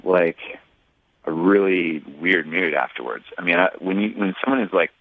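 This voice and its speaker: Male caller, rambling and halting, dry tinny phone line. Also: sits low, no room sound. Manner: rambling, hesitant, many restarts. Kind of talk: phone call on a radio show.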